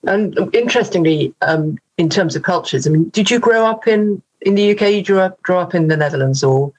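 A woman's voice: fairly low pitch, expressive, fairly quick, low-quality recording. A woman hosting a podcast, asking her guests curious follow-up questions. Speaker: podcast host. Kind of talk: interviewing guests.

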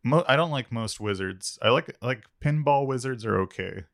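A man co-hosting a podcast, chatting casually with deadpan jokey asides. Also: medium pitch, normal speed, creaky, some chatter behind. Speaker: podcast co-host. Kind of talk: casual comedic chat.

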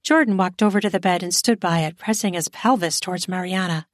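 A woman narrating an erotic audio story in a smooth, steady storytelling manner. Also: fairly low pitch, a little fast, no echo, clean studio sound.

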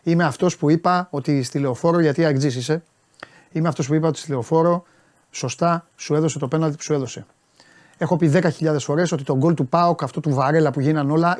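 A man's voice: fairly high pitch, steady tone, a little mellow. A man talking football on a live stream, animatedly answering and scolding viewers' messages.

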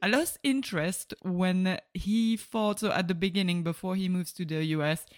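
A woman's voice: on the low side, moderate pace. A woman co-hosting a casual movie-review podcast, retelling scenes with blunt sarcasm. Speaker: podcast co-host.

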